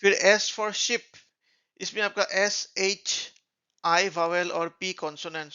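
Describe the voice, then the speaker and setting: A man teaching beginner English in a lesson, speaking slowly and spelling words out letter by letter. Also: high voice, pushed and bright, clean tone, dull audio.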